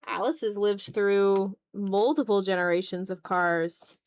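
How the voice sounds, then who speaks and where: A woman draws on a livestream and chats casually, rambling and putting herself down along the way. Her mid-range voice is unhurried and a little mellow, and the sound has no echo.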